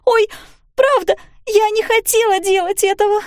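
A woman's voice: very high voice, moderate pace, dry recording, clean studio sound, pitched above the performer's own voice. A woman voicing a terrified young girl who is crying hysterically and pleading. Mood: sobbing.

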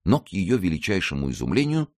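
A man narrating a classic adventure novel as an audiobook, measured and expressive. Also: sits low.

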